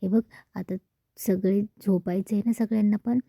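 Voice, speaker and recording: A woman reading the lines of a gentle young father coaxing his little daughter to sleep. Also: mid-range voice, fairly even intonation, moderate pace, vocal fry, no echo. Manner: coaxing, plainly read.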